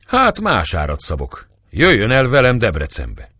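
A man's voice: lowish voice, huge pitch swings, pushed and bright, breathy edge, no echo, studio quality, pitched above the performer's own voice, full character voice. A man voicing a wounded young soldier who talks in an eager, respectful way. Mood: earnest. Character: wounded young male soldier, earnest and proud.

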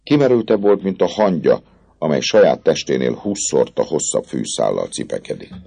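A man narrating a novel aloud in an expressive storytelling manner. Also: extremely low pitch, creaky, breathy edge. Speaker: audiobook narrator. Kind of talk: scripted narration.

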